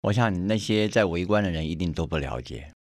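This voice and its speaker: A male interviewer with a very low voice asks short, attentive questions. The sound is dry and close. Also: expressive, fairly quick, no room sound.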